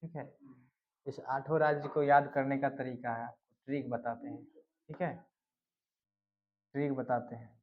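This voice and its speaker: A man's voice: mid-range voice, little pitch movement, a little slow, pauses often. A male teacher giving a general knowledge lesson, quizzing students and repeating the answers to drill them in. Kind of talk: classroom lesson with memory tricks. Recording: dull lo-fi recording.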